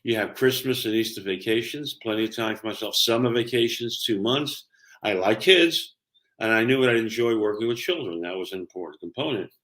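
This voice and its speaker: An older man speaks in a low-pitched voice with a clear Brooklyn accent. He explains things conversationally like a career coach, leaning on key words and often checking that the listener follows. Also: brisk, fairly bright tone. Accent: New York, Brooklyn. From Brooklyn, New York. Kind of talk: conversational explaining and personal storytelling.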